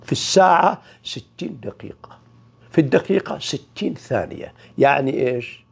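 Gravelly, animated man. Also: on the high side, moderate pace. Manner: animated, swings from loud emphasis to near-whispers. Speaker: spiritual teacher. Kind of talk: informal spiritual talk.

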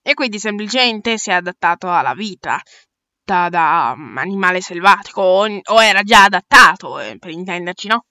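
A woman's voice: lowish voice, lively intonation, moderate pace, pushed and bright, dry recording, studio quality. A woman voicing a talkative young male space crewmate in an amateur audio drama, rambling and restarting mid-word.

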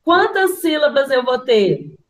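A Brazilian woman with a high voice teaches young children over a video call from a computer. She speaks slowly and patiently, spelling words out syllable by syllable and asking the class questions. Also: sing-song, rough recording. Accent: Brazilian Portuguese. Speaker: primary school teacher.

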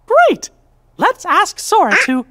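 A man voicing a small, kindly, earnest cartoon mouse hero in a squeaky falsetto, in a game cutscene. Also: huge pitch swings, slow, pushed and bright, exaggerated voice. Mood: eager. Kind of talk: animated game cutscene acting.

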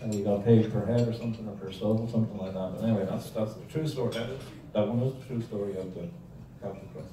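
An Irish man in his sixties gives a wry, rambling, humorous history lecture with slides to a club in an indoor hall with a projection screen. His lowish voice moves fast with few pauses and fairly even intonation. A handheld or stand mic was used, but the audio comes from an audience camera, distant and echoey with a noisy background.

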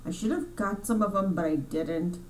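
A woman's voice: mid-range voice, normal speed, distant mic, a little hiss or hum, rough recording. A woman hosting her crochet channel in a chatty, rambling way, correcting herself as she goes, a bit congested from sinus trouble. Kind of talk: casual chat over store footage.

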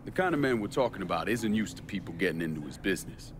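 A man's voice: sits low, big pitch swings, fast talker. An actor playing a hard, controlled male crime boss who speaks in terse, matter-of-fact lines. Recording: game audio with background noise.

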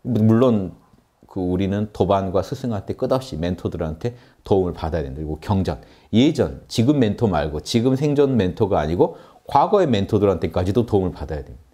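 A man's voice: low-pitched, expressive, a little fast, warm tone. A man teaching meditation in an earnest lecture, repeating key phrases and lifting his voice on the questions he poses. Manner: earnest, repetitive, rising emphasis on key words. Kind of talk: spiritual lecture.

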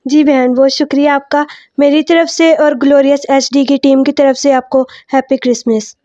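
Female TV host from Pakistan, high voice, formal and polite, close dry sound. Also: fairly even intonation, normal speed, dark tone, no room sound. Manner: courteous, formal thanks. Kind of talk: door-to-door Christmas interview. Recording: dry, slightly dull audio.

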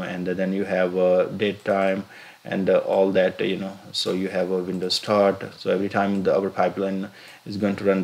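Low gravelly man with halting delivery. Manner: halting, many filler "uh"s and restarts. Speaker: software tutorial instructor. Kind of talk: screen-recorded software walkthrough. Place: voice-over recorded separately from the pictured screen.

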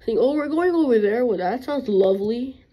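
A woman's voice: a little high, animated, moderate pace, dull audio. A woman improvising a fan story and voicing several characters. She talks hesitantly and often drops into a whisper. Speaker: plush toy video performer.

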